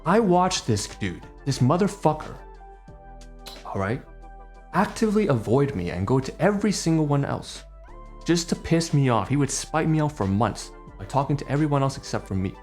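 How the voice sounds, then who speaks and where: His voice runs a little high and very animated, at a moderate pace with a darkish tone, as faint music plays in the background. A man in his late twenties whose first language is Cantonese, he rants heatedly at home in a personal vlog, swearing frequently and tagging lines with "all right?" and "okay?".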